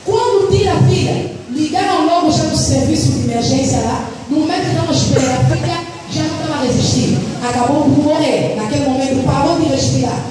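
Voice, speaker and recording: A missionary preacher with a high voice gives a sermon in church built around a personal testimony, telling it earnestly and fairly quickly while asking the congregation for amens. Her voice booms through a big, echoey hall, picked up by a mic some distance away, with steady noise underneath.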